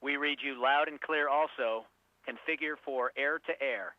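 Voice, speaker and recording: A man's voice: mid-range voice, fairly even intonation, no echo. Dry, muffled astronaut-radio man, formal. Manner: measured, formal phraseology. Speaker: mission control communicator. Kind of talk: astronaut radio procedural calls. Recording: dull band-limited radio link.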